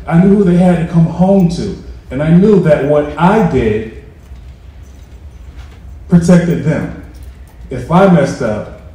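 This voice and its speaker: A man's voice: medium pitch, dark tone. A man in his thirties from New York giving a personal story speech in a large meeting room, earnest and building to emphatic peaks, on a handheld mic. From Rochester, New York. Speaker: veteran speaker. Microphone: handheld mic heard from far off. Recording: echoey room from a distance.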